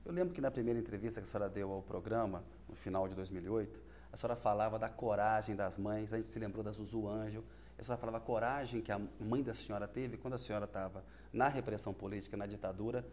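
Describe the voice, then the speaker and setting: A man from Belo Horizonte, Brazil, hosts a television interview, firing off questions at a rapid clip. His voice sits fairly low, and he keeps the talk moving by prompting his guest and completing her sentences, with faint background noise behind him. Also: darkish tone.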